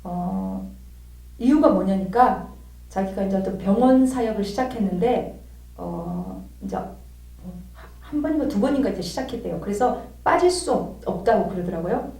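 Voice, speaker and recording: A woman teaching a church theology class, telling a personal story and acting out the dialogue with lively energy. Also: mid-range voice, moderate pace, soft background music. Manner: animated storytelling, acts out quoted dialogue. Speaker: theology lecturer. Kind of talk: church lecture with personal example. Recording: roomy, distant mic.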